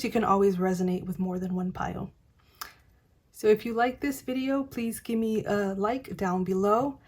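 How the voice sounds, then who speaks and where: A woman's voice: medium pitch, a little mellow. A woman giving a casual, encouraging tarot reading to camera, chatty with many fillers. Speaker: tarot reader.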